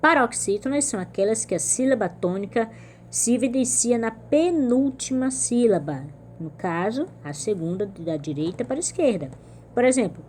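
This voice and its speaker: A woman's voice: mid-range voice, a little mellow, a little hiss or hum. A woman teacher with a Brazilian Portuguese accent, giving a recorded remote lesson to young pupils and patiently explaining step by step. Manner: patient, explains step by step, stresses syllables in example words. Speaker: primary school teacher.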